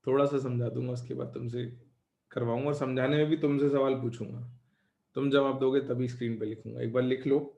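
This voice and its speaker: A male chemistry teacher giving a live lecture, dictating questions slowly and chatting with his students. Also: medium pitch, fairly even intonation, vocal fry, dark tone, reverberant, muffled recording.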